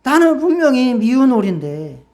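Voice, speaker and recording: A woman's voice: sits high, sing-song, moderate pace, warm tone. A woman preacher voicing a timid, puzzled ugly duckling in a story told during a sermon. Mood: bewildered. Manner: puzzled, hesitant questions.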